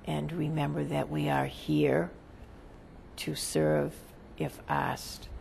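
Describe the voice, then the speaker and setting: A seance medium delivering a solemn spiritual message as a channeled spirit, in a creaky voice with halting, deliberate, formal phrasing. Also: medium pitch, little pitch movement, a little mellow, a little hiss or hum, low-quality recording.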